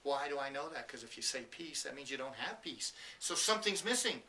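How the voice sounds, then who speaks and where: Earnest motivational speaker, bright slightly distant voice. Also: male voice, medium pitch, sing-song, a little fast, slight background noise. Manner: earnest, emphatic, storytelling with quoted voices. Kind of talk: motivational talk to camera.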